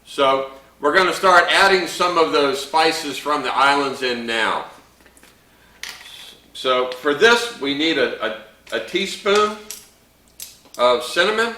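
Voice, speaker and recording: A man hosts a casual drink-making tutorial, folksy and chatty, with bits of playful pirate slang. His voice is crisp and bright, sitting a little high for a man. The room gives it a noticeable echo. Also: expressive, takes it slowly, pauses often, recorded from a distance, slight background noise. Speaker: host of a home bar drink show.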